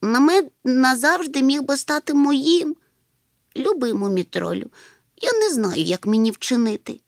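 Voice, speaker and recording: Lady doing a whiny little fussy critter, kinda high, hesitant, dry close sound. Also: lively intonation, unhurried, no room sound. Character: small fussy timid male creature. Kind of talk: storybook reading.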